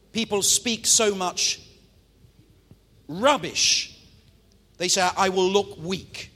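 A British man, a pastor, preaching a sermon in an animated, playful way and talking straight to the congregation. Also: high-pitched, big-room sound. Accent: British English. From Britain.

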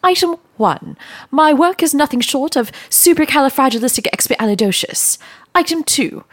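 A woman's voice: high-pitched, animated, normal speed, no room sound, voice pushed up. A woman playing a prim, smug, cheerfully ruthless job applicant in a dramatized story, theatrical and self-assured.

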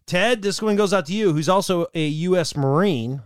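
A man co-hosting a casual chat show, telling stories in a joking way with quick asides. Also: high voice, smooth. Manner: jokey storytelling, quick asides and laughs. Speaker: co-host.

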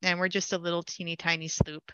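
Bright, clear-voiced woman telling a gaming story. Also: lowish voice, quick pace, no echo, highs cut off. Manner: animated, laughing storyteller with fillers. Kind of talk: casual storytelling.

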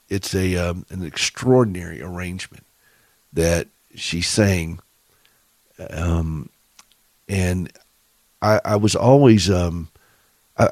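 A man's voice: low-pitched, dry recording. A middle-aged man with a Southern accent hosting a radio show for caregivers, giving earnest, preacherly encouragement and asking listeners direct questions. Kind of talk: faith-based encouraging talk.

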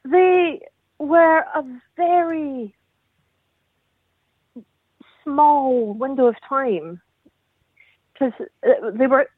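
A woman calls in to a radio show and chats casually over a tinny, dry phone line, rambling on at length as she explains things. Her voice is high and extremely slow, with long pauses, and the recording is dry.

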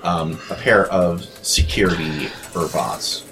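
Brief: male game master, lowish voice, slow unhurried delivery, halting with fillers, music behind. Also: expressive, creaky, a bit bright. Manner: halting, many fillers while describing. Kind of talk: narrating a tabletop game.

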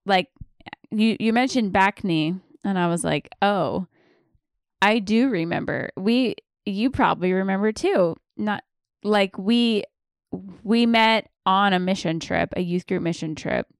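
A woman chats on a relaxed podcast in a smooth, clear voice of middle pitch. She talks loosely with many fillers and laughs easily. The recording is dry and close. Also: a little slow, no echo. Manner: chatty, laughs often, fillers like "um" and "like". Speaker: podcast co-host. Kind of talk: casual podcast chat.

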